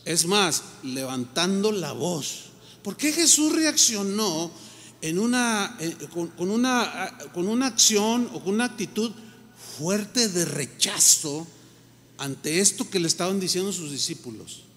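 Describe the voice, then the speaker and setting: Man, pastor's sermon, animated, high voice, long hall reverb. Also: measured pace, slight background noise. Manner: animated, acts out quoted reactions.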